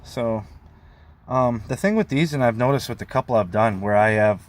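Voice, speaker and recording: A man's voice: medium pitch, moderate pace, a little hiss or hum. A man rambling informally in a casual hobby vlog, meandering and often leaving sentences trailing. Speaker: pipe hobbyist vlogger.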